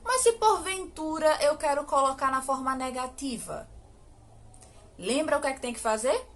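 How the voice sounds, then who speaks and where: A woman's voice: high-pitched, lively intonation. Brazilian woman teaching English grammar. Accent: Brazilian Portuguese. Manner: slow, drawn-out model English sentences between quick explanations; asks rhetorical questions, frequent "ok?". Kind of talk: recorded online grammar lesson.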